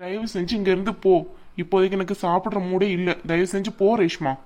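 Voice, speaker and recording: A woman's voice: mid-range voice, steady tone, quick pace, warm tone, close to an everyday voice. A woman voicing a heartbroken young husband in a cartoon drama, who talks wearily and begs to be left alone. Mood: weary pleading. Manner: weary, pleading to be left alone.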